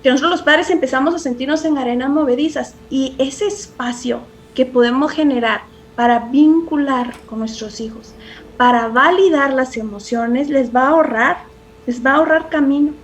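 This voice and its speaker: A woman with a notably high voice talks through parenting in a podcast interview. She is earnest and reflective, often restarting phrases and tagging questions onto her points. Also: moderate pace, slight background noise. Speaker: parenting guest expert.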